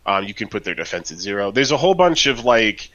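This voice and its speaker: A man's voice: fairly low pitch, big pitch swings, quick pace, fairly bright tone, dull audio. A man chatting casually on a podcast about a role-playing game, rambling with lots of fillers and tag questions. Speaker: podcast co-host.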